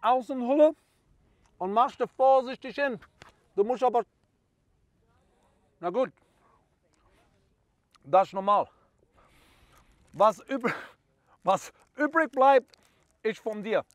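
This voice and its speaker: A man whose voice sits high speaks slowly and pauses often, with no echo, as a bragging would-be bird photographer in a parody tutorial. He mixes English into broken German and trips over his words.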